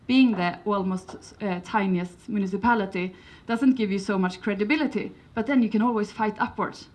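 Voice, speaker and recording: Speaking English at a conference, a Swedish-accented woman from Sweden presents in a medium-pitched voice. Her talk is hesitant and full of fillers and restarts, with gentle humour mixed in.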